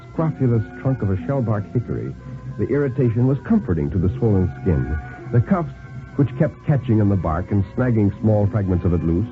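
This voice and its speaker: A man dramatically reads a thriller in a band-limited 1950s radio recording that sounds like a phone line. He paces it deliberately, and his pitch moves widely and lively through every phrase.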